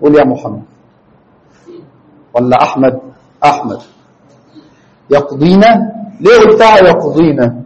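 A man's voice: fairly high pitch, animated, normal speed, pauses often, a little mellow, highs cut off. Man teaching grammar in Egyptian Arabic. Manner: questioning, prompts students for answers. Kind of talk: classroom lesson.

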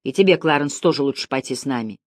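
A woman reading the part of a practical, protective older man, steady and matter-of-fact. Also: extremely low pitch, quick pace, no room sound.

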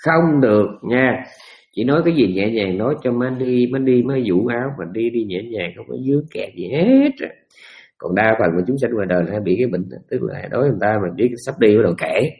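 A man delivers a Buddhist dharma talk. He teaches in a folksy, storytelling way, dropping humorous asides. His voice sits at an ordinary middle pitch. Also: animated, brisk, phone-quality sound.

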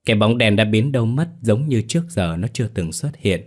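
Low-voiced male horror story narrator. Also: expressive. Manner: measured, dramatic storytelling.

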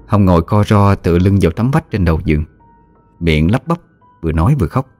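A man narrating a ghost story in a measured, somber manner. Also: low voice, animated, darkish tone, faint music behind.

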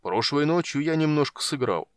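Storybook dwarf, sly and sheepish gambler, read by a man, rambling, animated delivery. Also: a little high, moderate pace, no echo, pitched above the performer's own voice, natural voice.

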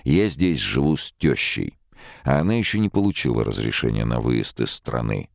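A man's voice: very deep voice, sing-song, moderate pace, vocal fry, no echo, studio quality, full character voice. A man voicing a blunt, sardonic middle-aged man about to emigrate, in an audiobook. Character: weary defiant émigré man, middle-aged. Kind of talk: audiobook character voice.

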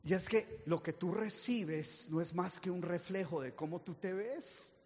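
A man's voice: high voice, unhurried, in a large hall. A man giving a motivational talk, telling stories animatedly and acting out quotes. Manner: animated storytelling with acted-out quotes. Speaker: motivational speaker.

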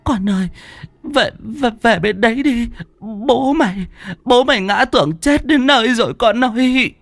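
A man voicing a frantic elderly mother, calling out desperately in a high strained falsetto. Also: measured pace, vocal fry, a bit bright, no room sound, heavily acted. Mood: pleading.

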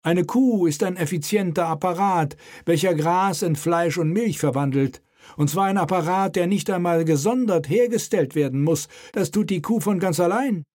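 A man's voice: sits high, moderate pace, a little mellow, pitched above the performer's own voice. A male reader voicing a smug, self-satisfied dike inspector who explains things at leisure.

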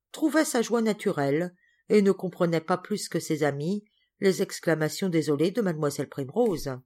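A woman reading a classic children's novel aloud as an audiobook, with clear, even storytelling. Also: lowish voice. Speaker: audiobook reader. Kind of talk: audiobook narration.

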